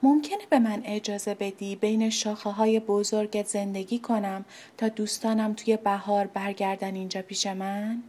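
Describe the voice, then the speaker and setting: A woman voicing a small injured bird that pleads slowly and gently for shelter in a children's story. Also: medium pitch, fairly even intonation, lightly acted. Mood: pleading. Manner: slow, pleading. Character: timid little hurt bird, pleading softly.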